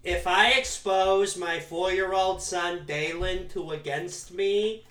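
A man's voice: high voice, steady tone, takes it slowly, bright, forceful tone, voice pushed up, heavily acted. A man putting on a fretful suburban mom voice that sounds half babyish, half drawling, as a comic bit on a podcast. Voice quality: babyish, nasal-drawling put-on voice. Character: fretful suburban mom, adult woman, anxious.

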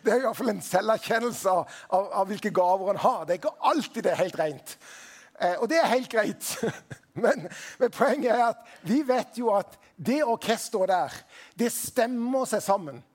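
A man's voice: high-pitched, lively intonation. A man preaching a sermon as pastor, talking conversationally and putting questions to the congregation.

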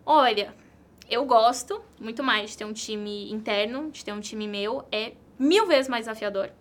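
A woman's voice: on the high side, measured pace. A woman from Brazil, an entrepreneur and content creator answering interview questions in an earnest way, repeating key phrases for emphasis.

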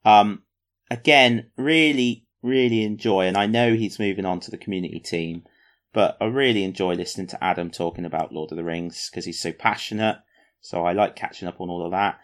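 A man's voice: sits low, brisk. A man co-hosting a casual podcast, chatting about tabletop wargames in a jokey, self-mocking, rambling way. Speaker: podcast co-host.

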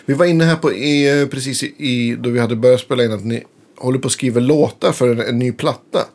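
A man's voice: medium pitch, darkish tone. A man hosting a casual interview, asking rambling questions and dropping frequent short agreements. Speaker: podcast host.

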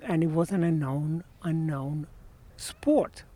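Speaking slowly in a fairly high pitch, this Argentine-accented man in his sixties is a guest sharing stories during a casual interview by a marina outdoors. He's lively but keeps trailing off and starting sentences over. A faint hiss or hum sits under the audio.

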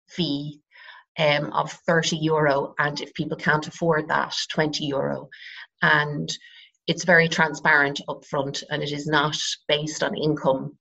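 Croaky, low-voiced Irish woman. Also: pushed and bright. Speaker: psychotherapist, interview guest. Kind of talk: informal explanatory talk. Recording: dull, lo-fi sound.

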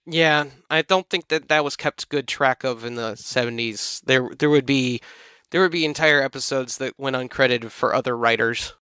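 Bright-voiced male podcast co-host. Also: mid-range voice, moderate pace, smooth, no room sound, clean studio sound. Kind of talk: casual chat.

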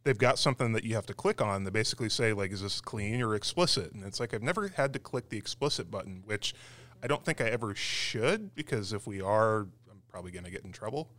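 A man's voice: lowish voice, animated, fast talker, fairly bright tone. A man from Arizona co-hosting a casual podcast, chatty and joking, with many fillers. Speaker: podcast co-host.

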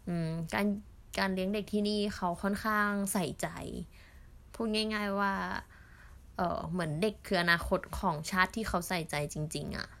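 A young woman from Thailand, an au pair, telling stories in a chatty vlog with many fillers and pauses. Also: medium pitch, bright, forceful tone. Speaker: au pair vlogger. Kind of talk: casual storytelling vlog.

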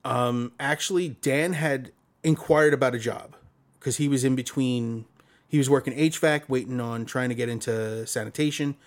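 A man with a Brooklyn accent and a mid-pitched voice talks as a podcast guest. His delivery is conversational and informal, like someone swapping stories. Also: fairly even intonation, moderate pace. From Brooklyn, New York. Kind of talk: casual conversational storytelling.

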